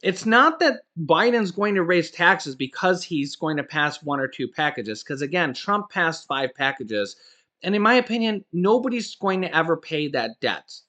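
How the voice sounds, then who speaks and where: Speaking a little high and very animated at a moderate pace, a man in his forties covers finance news for his YouTube channel with a pushed, bright sound. He's casual yet emphatic, dropping "okay?" again and again to drive points home, and frequently restarts or corrects himself.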